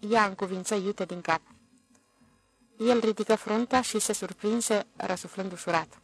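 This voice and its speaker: Gravelly-voiced audiobook narrator. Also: medium pitch, steady tone, rough recording.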